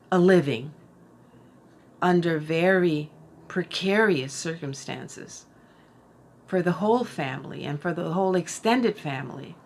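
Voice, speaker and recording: Slow, low-voiced woman reviewing books. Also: a little hiss or hum. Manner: slow, thoughtful, with frequent fillers and restarts. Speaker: book vlogger. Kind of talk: casual book review.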